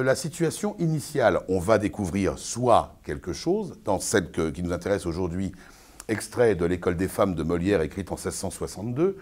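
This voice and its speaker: A man's voice: medium pitch, darkish tone. A man giving an informal spoken lesson as a theatre teacher presenting to viewers.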